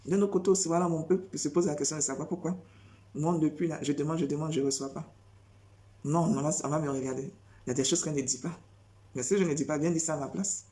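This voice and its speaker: Une femme qui prêche sans notes, répète ses phrases et enchaîne les questions rhétoriques avec insistance. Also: female voice, sits low, fairly even intonation, quick pace, warm tone. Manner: repetitive, rhetorical questions, emphatic. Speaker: preacher. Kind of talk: spontaneous preaching monologue.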